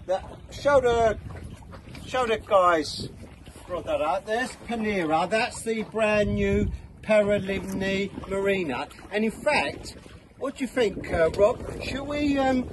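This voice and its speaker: A man's voice: high voice, a bit bright. A middle-aged man chatting as a vlog host from a small sailing boat at sea, jokey and self-mocking, filming himself on a phone at arm's length. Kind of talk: casual vlog chat. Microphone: phone camera at arm's length. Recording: wind and water noise.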